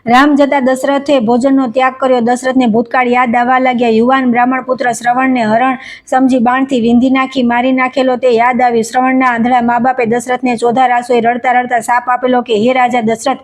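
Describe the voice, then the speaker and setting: A woman with a Gujarati accent reciting a devotional scripture story in steady, even recitation. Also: on the high side, a little fast. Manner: steady recitation, even delivery, quoted dialogue read without acting.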